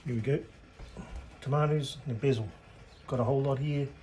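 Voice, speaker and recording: Man, New Zealand accent, medium pitch, casual cooking demo, hesitant thinking aloud, noisy kitchen recording. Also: a little mellow. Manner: informal, hesitant, thinking aloud while working. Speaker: home cook presenting a cooking video. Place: home kitchen.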